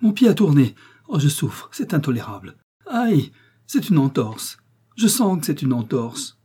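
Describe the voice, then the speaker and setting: A man's voice: fairly high pitch, very animated, unhurried, warm tone, husky, pitched above the performer's own voice, exaggerated voice. A man reading aloud, voicing a melodramatic middle-aged woman who moans about a twisted ankle, in a whining, theatrical manner.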